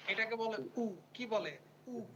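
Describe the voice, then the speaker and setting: A teacher runs a beginner language class and says each sound slowly, several times. He keeps asking the students to say it back and answers them the same way. Noise is clearly heard behind the voice. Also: medium pitch, dull audio. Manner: repeats words and prompts students to say them back. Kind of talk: online language lesson.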